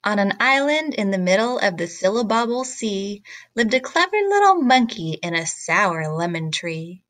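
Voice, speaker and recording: A woman reading a picture book aloud to children like a teacher, with deliberate, expressive, rhythmic phrasing. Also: medium pitch, no room sound.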